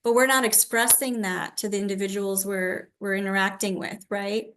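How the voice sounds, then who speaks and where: A woman's voice: medium pitch, steady tone, moderate pace, a bit bright. A woman hosting an interview, affirming and summing up her guest's points. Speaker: host.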